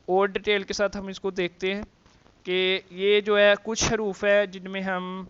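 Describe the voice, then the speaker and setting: A man teaching Quran letter pronunciation, explaining slowly with many fillers and repeating the letter sounds to demonstrate. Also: sits high, flat delivery, a bit bright, smooth, highs cut off. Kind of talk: tajweed lesson with demonstrations.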